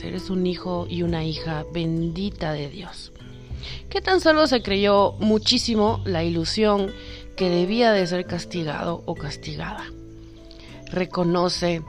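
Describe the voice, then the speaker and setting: Softly coaxing woman from Cuba. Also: mid-range voice. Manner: affectionate, calls the listener sweetheart; soft, coaxing, often drops to a hush. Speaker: spiritual guide. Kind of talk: spiritual motivational talk.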